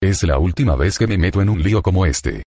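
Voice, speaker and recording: A man's voice: sits low, lively intonation, quick pace, warm tone, breathy edge, dry recording, studio quality. A man reading a first-person book aloud, in a colloquial, swearing storyteller manner. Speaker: audiobook reader.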